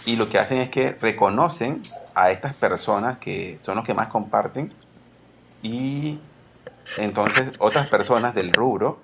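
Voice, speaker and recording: A man's voice: on the low side, unhurried, gravelly, lo-fi sound, background noise. A man from Peru, a podcast guest who rambles, corrects himself and laughs easily. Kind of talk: casual podcast interview.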